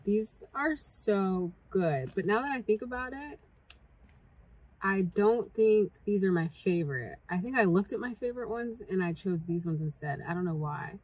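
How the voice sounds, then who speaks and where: A woman's voice: medium pitch, expressive, moderate pace, darkish tone, a little hiss or hum, poor audio. A young woman vlogger chatting casually while taste-testing snacks, talking with her mouth full at times. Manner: chatty, talks while eating. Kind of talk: casual food taste-test chat. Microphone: camera mic.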